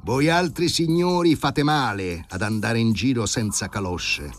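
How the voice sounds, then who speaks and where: A man's voice: medium pitch, very animated, soft background music, pitched above the performer's own voice. A man doing a pompous, stern old professor. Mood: haughty, stern. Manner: grave, ironic, drawn-out emphasis. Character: pompous elderly male professor, stern and sardonic.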